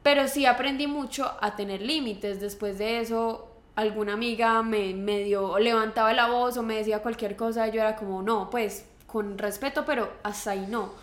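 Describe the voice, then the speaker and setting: A woman's voice: on the high side, fairly even intonation, moderate pace, echoey room. A young woman with a Colombian accent, telling a story in casual chat as a podcast co-host, acting out quotes with animation.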